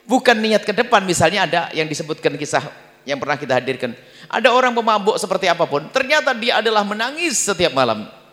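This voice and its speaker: A man delivers an Islamic sermon in a high, lively voice that leaps up and down in pitch. His words ring out with the long reverb of a large hall. He now and then slips into a low mutter to mimic the people he talks about. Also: fast talker. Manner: animated, acts out quoted prayers in a low mumbling voice. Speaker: preacher.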